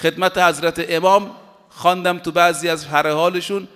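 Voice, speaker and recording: High, bright-voiced male preacher in reverberant hall. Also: steady tone, clear, resonant tone. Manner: emphatic, recites Arabic quotations slowly and deliberately. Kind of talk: sermon.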